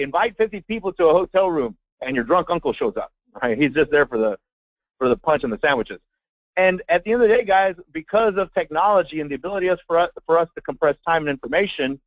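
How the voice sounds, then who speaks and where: Higher-pitched American salesman, dull lo-fi sound. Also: no echo. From Texas, United States. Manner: emphatic sales pitch, folksy, addresses listeners directly. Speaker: marketing trainer. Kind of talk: live online sales training. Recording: dull lo-fi web conference audio.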